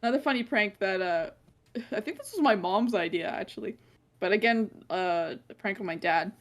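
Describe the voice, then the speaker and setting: A woman's voice: medium pitch, moderate pace. A woman co-hosting a casual podcast, telling a funny story with frequent laughs. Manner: animated storyteller, laughs often. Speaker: podcast co-host. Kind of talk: casual chat.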